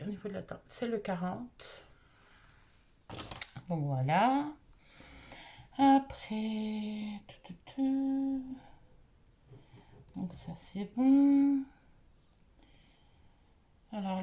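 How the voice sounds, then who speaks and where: The married French beauty vlogger, an adult, has a fairly high voice with a darkish tone as she casually goes over beauty products she bought. She thinks out loud and uses plenty of fillers.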